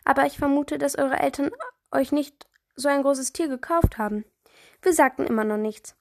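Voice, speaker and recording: A woman reading aloud, voicing a hesitant adult neighbor woman in a children's story. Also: normal speed. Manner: hesitant, slightly lower.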